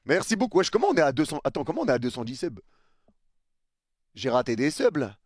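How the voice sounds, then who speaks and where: A man's voice: a little high, sing-song, quick pace, dry recording, clean studio sound. A young man streaming live, chatting casually in slang and thanking viewers for their subs. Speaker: streamer reacting to a video.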